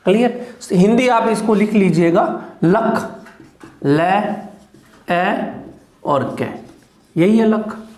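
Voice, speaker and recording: A man teaching phonetics in a slow lecture. He repeats each sound and keeps asking whether it is clear. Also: high-pitched, darkish tone, roomy sound. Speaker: English teacher.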